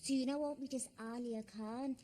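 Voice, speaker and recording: A woman's voice: sits high, fairly even intonation, moderate pace, mellow, natural voice. An actress playing a sweet-talking, dim young daughter in a sitcom, with a girlish, sugary manner. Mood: puzzled. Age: young adult. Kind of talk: television sitcom acting. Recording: clearly noisy location ambience.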